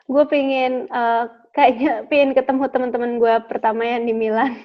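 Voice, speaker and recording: A woman's voice: on the high side, level tone, normal speed, dull audio. A woman actress being interviewed over a video call from her home, chatting casually with frequent fillers and laughs. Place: home during lockdown.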